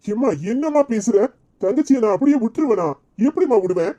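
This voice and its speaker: A woman voicing a meek, remorseful grown brother in a Tamil cartoon, speaking softly with a Tirunelveli accent. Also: animated, fairly quick. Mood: pleading. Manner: soft, apologetic, lowered voice. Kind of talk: cartoon voice acting.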